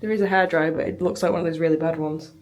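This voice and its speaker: A travel vlogger races through an upbeat, meandering chat with her handheld camera, her low voice steady in tone and a little mellow. She films outdoors on a city street and in a small hotel bathroom. The recording picks up lots of street noise.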